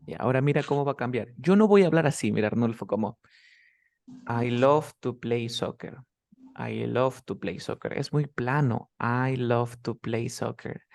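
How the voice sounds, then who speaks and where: A man's voice: mid-range voice, vocal fry, darkish tone, dry recording. Man teaching pronunciation in a dry-sounding recording. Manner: demonstrative, repeats example sentences slowly to model stress; quizzes the student with quick questions. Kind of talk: one-on-one language lesson.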